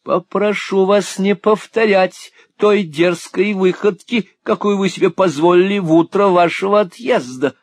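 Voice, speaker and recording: A man reading an audiobook, voicing a small, lively, lonely spinster painter who talks in a fussy, excitable, teasing way. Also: high voice, measured pace, few pauses, dry recording, studio quality, pitched above the performer's own voice. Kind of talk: audiobook character voice.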